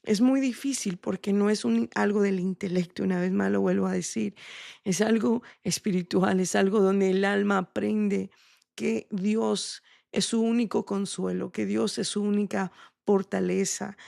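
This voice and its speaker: Earnest woman with a gravelly voice. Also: mid-range voice, mellow, dry recording, studio quality. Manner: earnest, slow and prayerful, with many restarts. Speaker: podcast host sharing a devotional. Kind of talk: devotional teaching.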